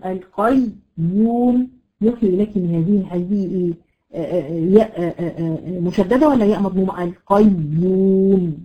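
A woman with an Egyptian accent teaching a tajweed lesson, slowly drawing out example words with many fillers. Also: medium pitch, highs cut off. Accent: Egyptian Arabic. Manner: patient, drawn-out example words, frequent fillers. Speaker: Quran recitation teacher.

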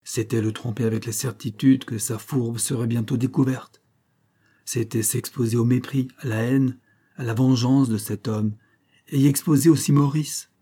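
A man narrating a classic novel as an audiobook in a measured, dramatic reading. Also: medium pitch, fairly even intonation, dark tone, breathy edge.

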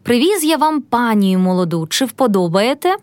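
A tender, coaxing young gentleman from a storybook, read out by a woman. He pleads softly and kindly, with a lively, high-set delivery. The sound is dry and close. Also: normal speed, no echo. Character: kind young male landowner, gentle and pleading.

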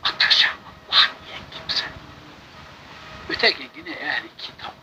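An older man, a Sufi sheikh, tells religious stories in an impassioned sermon, now and then breaking into loud cries and chanted invocations. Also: fairly high pitch, very animated, unhurried. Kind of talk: religious storytelling talk. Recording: noisy recording.

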